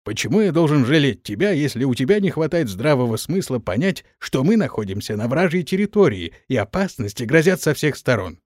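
Unflappable orc guy, quiet and steady, male reader doing him, dry sound. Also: mid-range voice, brisk, hardly any pauses, dry recording. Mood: stern. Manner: calm, quiet, unruffled.

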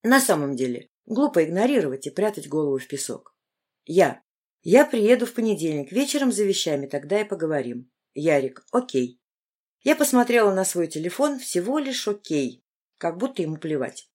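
Sex: woman. Role: audiobook narrator. Style: expressive first-person narration. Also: on the low side, normal speed.

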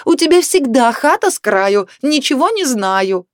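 A woman's voice: mid-range voice, big pitch swings, unhurried, a little mellow, no echo, clean studio sound. A woman reading the part of an irritable clairvoyant wife who scolds her husband. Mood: indignant. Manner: indignant, reproachful.

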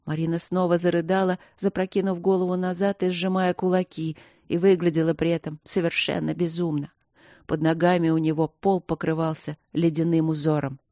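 A woman narrates a story at a measured pace, her lowish voice soft and mellow. The sound is dry and close, as from a studio mic with no room around it. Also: little pitch movement, no echo. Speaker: audiobook narrator. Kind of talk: scripted audiobook narration.

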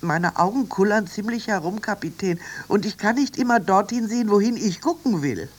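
Young girl, breathless chatter, lively and high-pitched, put on by a reader. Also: moderate pace, close to an everyday voice. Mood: excited. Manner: breathless, wide-eyed chatter. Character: excitable young girl, brother's sister. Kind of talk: children's radio story reading.

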